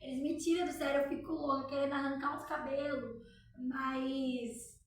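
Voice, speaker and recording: Mom talking to her viewers at home, high voice, really echoey room, a bit off mic. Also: steady tone, normal speed, recorded from a distance, a little hiss or hum. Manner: chatty, storytelling, asks viewers for reactions. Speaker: mother. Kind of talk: casual chat to viewers.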